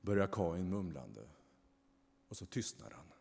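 Low-voiced man narrating a storybook. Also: sing-song, gravelly, a little mellow, slightly rough. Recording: long hall reverb.

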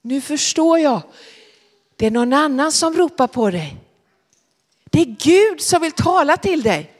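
A woman's voice: high voice, big pitch swings, voice pushed up. A woman voicing an old male priest, patient and kindly, in a long-reverb hall. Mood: realizing.

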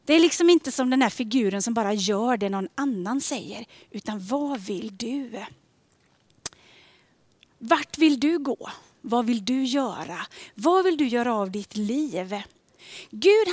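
A woman giving a sermon in a gentle, conversational way, often dropping to a soft near-whisper on key questions. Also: a little high, dry recording. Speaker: preacher.

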